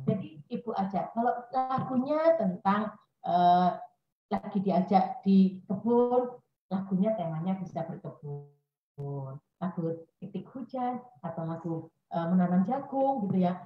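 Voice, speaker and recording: A woman giving a chatty parenting talk to mothers, often acting out the voices she quotes. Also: fairly high pitch. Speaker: parenting webinar speaker. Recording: echoey room, dull lo-fi audio.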